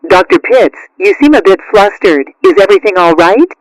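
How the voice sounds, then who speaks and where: A man plays a cartoon mother cat in a high register. She is caring and gently firm, soothing in manner, recorded dry and close. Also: lively intonation, brisk, no room sound, rough recording. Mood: polite suspicion. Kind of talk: cartoon character acting.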